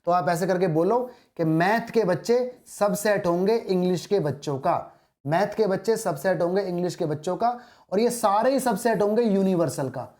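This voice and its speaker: Woman, maths teacher, classroom lesson, mellow tone, repeats key points, reads quoted text slowly. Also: on the low side. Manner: asks questions and answers them herself.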